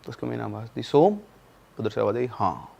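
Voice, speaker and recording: A man's voice: medium pitch, little pitch movement, rapid-fire, gravelly, darkish tone, lo-fi sound. A man casually telling a true horror story, dropping his voice at tense moments. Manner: conversational, drops voice at tense moments.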